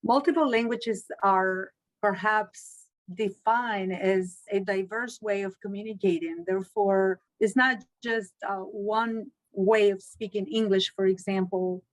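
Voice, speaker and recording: Speaking as an interviewee, a middle-aged Spanish teacher from Chile gives careful, sincere replies, frequently starting over. The voice is mid-range and steady, captured on a low-quality recording.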